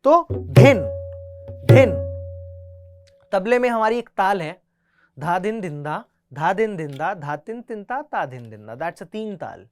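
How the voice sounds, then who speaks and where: A man's voice: high-pitched, sing-song, measured pace, faint music behind. A man teaching a beginner tabla class, mixing Hindi with English, patiently repeating each instruction and reciting the drum syllables aloud.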